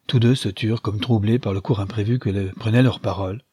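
A man narrating a literary audiobook in a measured storytelling manner, with a husky voice. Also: fairly low pitch, fairly even intonation, dark tone, no room sound, clean studio sound.

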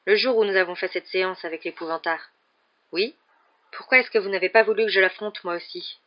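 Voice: mid-range voice, fairly quick, lo-fi sound, close to an everyday voice. A reader voicing a guarded teenage boy wizard who gives short, blunt replies in an audiobook.

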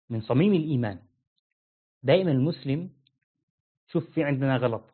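Guy teaching a religion class, keeps asking the listeners questions, slows way down on the big points, fairly high voice, sounds like a phone line. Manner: quizzes listeners with repeated questions; slows down to stress key phrases. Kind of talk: interactive religious lesson. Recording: narrow phone-like audio.

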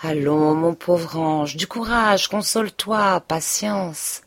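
A woman voicing a calm, evasive man who speaks in a soothing, measured way in a storybook reading. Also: on the low side, no echo. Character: calm, evasive male lover.

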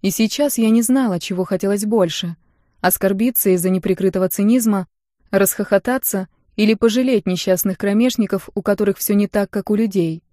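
Woman, fantasy audiobook narrator, first-person, measured and expressive, mellow dark voice. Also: mid-range voice, dry recording, clean studio sound.

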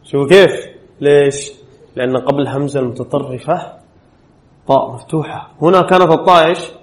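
A man teaching a class on spelling rules, pitched a little above most men. He reads the rule aloud, then keeps firing short questions at his students. He explains each answer himself. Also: fairly quick. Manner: quizzes students with frequent questions. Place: classroom at an Islamic studies center.

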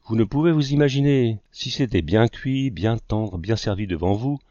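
A calm young man, quietly amused, as an audiobook narrator puts him on. The low male voice sits dry and close against a dull, slightly muffled recording. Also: normal speed, no echo, lightly acted.

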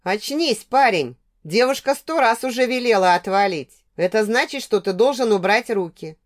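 A woman's voice: on the high side, lively intonation, moderate pace, natural voice. A woman voicing a stern young man who firmly scolds another, in an audiobook. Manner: firm, scolding. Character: stern young man stepping in to stop harassment.

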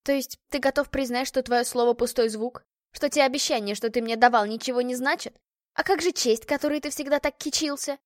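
A woman's voice: high voice, expressive, brisk, hardly any pauses, dry recording, studio quality, voice pushed up. A woman reading the part of a proud, bitter young noblewoman who has been jilted, accusing and sarcastic in an audiobook.

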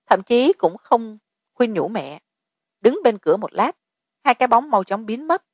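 A woman's voice: on the high side, sing-song, measured pace, breathy edge, no echo. Woman narrating a story, dry close sound. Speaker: audiobook narrator.

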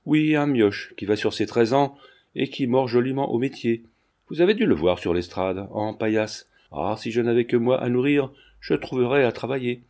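A man's voice: medium pitch, normal speed, darkish tone, close to an everyday voice. A man reading a poor fairground clown in his forties, who talks in coarse slang and grumbles plaintively. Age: 40s.

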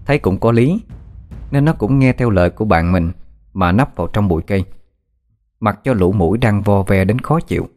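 A man's voice: lowish voice, animated, normal speed, a little mellow, soft background music. A man narrating a horror story in a dramatic, suspenseful way.

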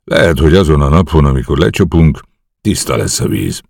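An eager, bold young commando officer, read by a man who reports his mission earnestly and respectfully. The voice sits very deep with a gravelly edge and a husky grain. It sounds dry and close. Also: very animated, darkish tone, no room sound, full character voice.

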